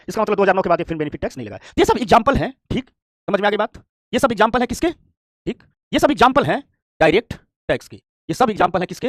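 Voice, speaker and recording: A man teaching an economics class, talking quickly and often asking if students understood. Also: high-pitched, no room sound, studio quality. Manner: fast, lively, repeats "ठीक" and checks understanding; acts out complaining shopkeepers. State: tired from standing. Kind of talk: classroom lecture.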